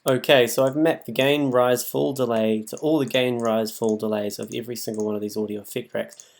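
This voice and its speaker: A man with a gravelly, medium-pitched voice talks a little fast in a fairly even tone. He presents a casual, improvised music production tutorial, thinking aloud as he demonstrates the software on his computer. Music loops from that software play in the background.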